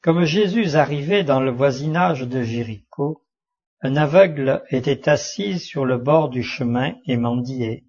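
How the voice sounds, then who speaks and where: A man reading a devotional Bible study aloud in a measured, solemn way. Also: mid-range voice, darkish tone. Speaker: study reader. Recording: dull lo-fi recording.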